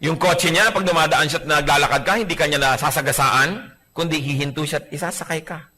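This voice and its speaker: A man's voice: fairly high pitch, brisk. A man preaching as a pastor, telling humorous stories and acting out the people in them, and dropping English phrases into his Tagalog sermon. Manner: animated storytelling, acting out quoted people in voices.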